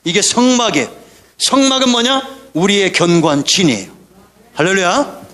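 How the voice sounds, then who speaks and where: A middle-aged man preaches a Sunday sermon. His voice sits high for a man, and he keeps things lively with joking asides to the congregation. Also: moderate pace. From Korea. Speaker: pastor.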